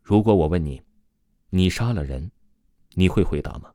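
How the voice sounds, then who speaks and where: A man voicing a calm young male student with a wry, deadpan, unbothered way of talking in a told story. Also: low voice, normal speed, no echo, studio quality.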